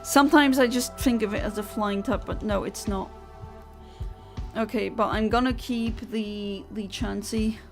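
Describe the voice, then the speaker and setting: A woman with a non-native English accent live-streams a game, chatting casually with viewers and answering chat while playing. Her medium-pitched voice is steady and measured, and she often laughs at her own mistakes, full of fillers and restarts in a chatty, self-deprecating way. Soft music plays behind her.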